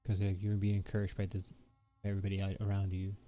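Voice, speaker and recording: Drawing live on stream, a man keeps up a laid-back, meandering chat with his audience, sprinkling in plenty of "like" and "you know." He talks fast in a low-pitched voice, and soft music plays underneath.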